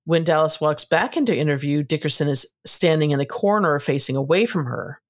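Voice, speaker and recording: A woman co-hosting a casual book review podcast, giving a steady, matter-of-fact plot recap. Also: low-pitched, fairly quick. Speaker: podcast co-host.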